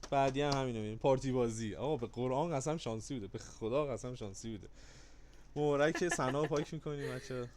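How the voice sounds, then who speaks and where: In a joking, laid-back livestream giveaway, a man alternates between long, loud shouts and rapid, quiet mumbling.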